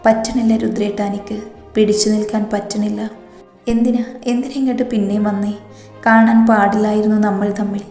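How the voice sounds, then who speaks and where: Give me a woman doing a lovesick young village girl for an audio story, soft-spoken and mournful. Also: mid-range voice, little pitch movement, fairly quick, roomy sound, in a large hall, soft background music, lightly acted. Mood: tearful.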